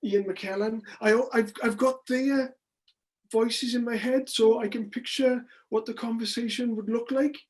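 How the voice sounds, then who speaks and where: A woman interviewing authors over a video call, speaking haltingly with many restarts. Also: a little high, fairly even intonation, a little mellow. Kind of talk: casual interview.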